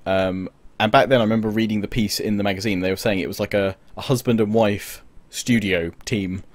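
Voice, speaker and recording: A man's voice: lowish voice, fairly even intonation, fairly quick, no echo. A man co-hosting a casual gaming podcast over a video call, rambling with lots of restarts and fillers. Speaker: podcast co-host. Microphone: webcam video call.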